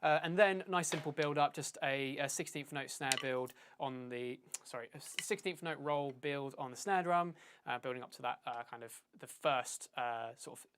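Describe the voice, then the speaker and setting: A man teaching drums in a live stream, talking casually, sounding out beats with syllables, often pausing and correcting himself. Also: on the high side, a bit bright, clear, resonant tone. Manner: casual, vocalizes drum patterns with syllables; hesitant, many fillers and self-corrections. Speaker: drum teacher. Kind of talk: live-streamed drum lesson.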